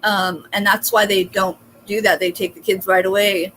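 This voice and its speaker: A woman hosts a casual interview over a video call, talking in a chatty, encouraging way full of fillers. Her voice sits at an ordinary middle pitch. A faint background hum runs under it. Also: flat delivery, moderate pace, a bit bright, low-quality recording. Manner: chatty and supportive, many fillers. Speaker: host.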